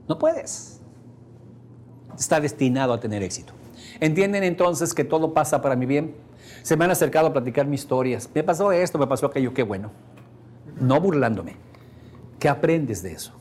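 A man's voice: mid-range voice, brisk, a little hiss or hum. A man with a Mexican accent giving a motivational course, telling stories and often asking the audience whether they follow him. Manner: animated, storytelling, asks the audience questions. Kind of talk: motivational seminar talk.

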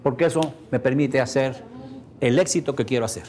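Animated Mexican motivational speaker. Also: male voice, mid-range voice, fairly quick, a little hiss or hum. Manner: animated, storytelling, asks the audience questions. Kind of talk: motivational seminar talk.

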